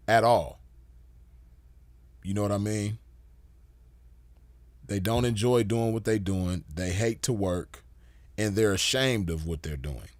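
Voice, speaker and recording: A podcast host with a lowish voice delivers a laid-back commentary monologue, sprinkling in plenty of "you know" fillers. The recording is dry.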